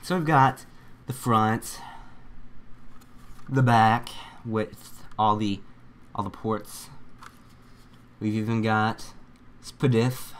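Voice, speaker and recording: A man giving a casual unboxing and setup tutorial, excitable and chatty, often poking fun at himself. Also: lowish voice, extremely slow, long pauses, a little hiss or hum. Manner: excitable, chatty, self-mocking. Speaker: gaming YouTuber.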